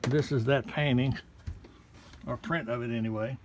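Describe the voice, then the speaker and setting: A man's voice: medium pitch, normal speed, slight background noise. A man, casually showing visitors around a small art gallery and pointing out paintings one by one. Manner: relaxed, folksy, pointing things out one by one. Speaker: artist giving a gallery tour. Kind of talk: casual walking tour narration. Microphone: handheld phone camera.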